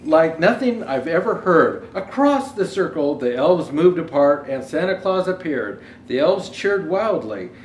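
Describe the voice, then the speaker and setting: This man's voice is on the high side; he reads a bit slowly yet with hardly any pauses, performing a children's Christmas story expressively. Quoted lines come out louder, casual asides creep in, and the room echoes faintly noisy.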